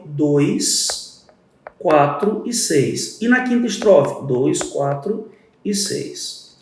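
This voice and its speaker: Methodical teacher in echoey room. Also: male voice, fairly high pitch, a little mellow, recorded from a distance. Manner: methodical, explains step by step and counts syllables aloud. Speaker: literature teacher. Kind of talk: exam-prep literature lesson.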